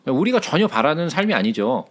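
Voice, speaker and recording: A man's voice: on the high side, very animated, brisk. A man teaching a Bible study in a conversational way, often checking in with his listeners with short questions.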